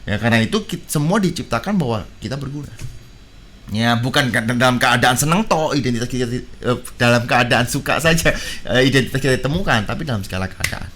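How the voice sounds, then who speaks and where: A man, a guest on a radio talk show, telling stories in an animated way with many fillers. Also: mid-range voice, fast, slight background noise. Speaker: guest speaker. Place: radio studio.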